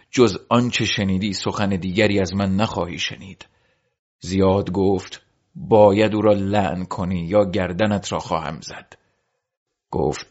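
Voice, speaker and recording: Male narrator, very low voice, solemn measured historical reading, dull lo-fi sound. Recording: dull lo-fi recording.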